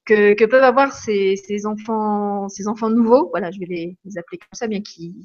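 A woman's voice: mid-range voice, moderate pace, lo-fi sound. A woman hosting a live online chat, talking casually with many restarts and repeated words. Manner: hesitant, repeats words, laughs often. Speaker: host of a live meditation broadcast.

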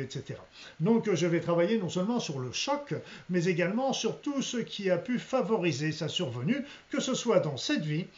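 A man speaking as an energy healer, explaining and giving guided instructions to his viewers with hesitant pauses. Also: high voice. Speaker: energy healer leading a remote healing session. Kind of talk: spoken guided healing talk to viewers. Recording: dull lo-fi sound.

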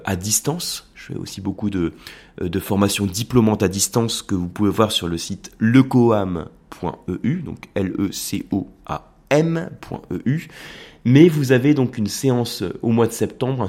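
Guy hosting a wine podcast, lowish voice, lots of euh and hein, chatty explainer. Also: normal speed, darkish tone. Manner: explanatory, hesitant with many fillers. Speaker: wine educator and podcast host. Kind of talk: casual educational podcast monologue.

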